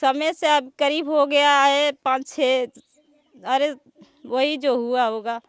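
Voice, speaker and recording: A woman's voice: high-pitched, fairly even intonation, slow pace, dry recording. A woman gives a tearful, pleading account to a reporter. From eastern Uttar Pradesh. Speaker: interviewee, complainant. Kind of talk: emotional spoken account.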